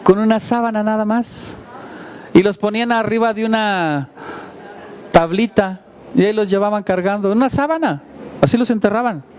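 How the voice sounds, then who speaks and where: A man delivers a sermon in a fairly high-pitched voice. He preaches in a conversational way, asking his congregation questions and joking about his own stumbles. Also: moderate pace, long pauses, a little mellow. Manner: self-deprecating asides. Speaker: pastor.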